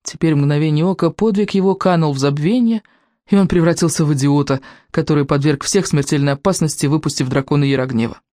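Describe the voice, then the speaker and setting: An audiobook narrator telling a story with expressive delivery. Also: mid-range voice, fast talker, dry recording, studio quality. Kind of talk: scripted narration.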